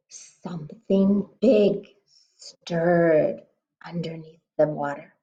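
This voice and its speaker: A woman teacher reading a picture book aloud to children, gentle and expressive, pausing to ask questions. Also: medium pitch, dull audio.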